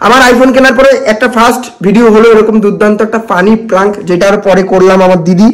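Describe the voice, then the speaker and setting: A man's voice: sits high, steady tone, fast talker. A young man, a vlogger chattering to camera in a prank video, pleading and teasing over and over.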